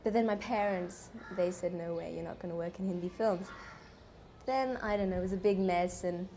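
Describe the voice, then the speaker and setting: A young woman from Hong Kong, a film actress, answering interview questions in short, soft replies with frequent giggles. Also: on the low side, fairly quick, slight background noise. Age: young adult.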